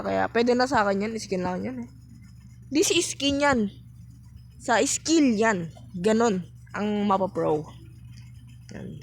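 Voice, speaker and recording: A woman giving casual, chatty commentary while playing a game, breaking into sudden high exclamations. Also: poor audio. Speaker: gaming vlogger.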